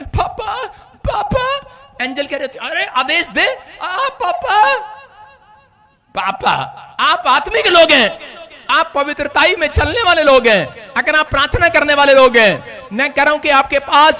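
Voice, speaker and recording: Male preacher, very high and bright, animated sermon, shouts then hushes. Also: normal speed. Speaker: pastor.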